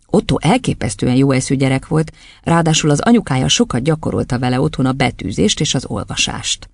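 Gravelly male audiobook narrator. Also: medium pitch, expressive, no echo.

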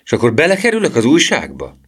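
A man voicing an eager, proud country schoolboy in a storybook reading, talking in an excited, earnest way. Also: fairly low pitch.

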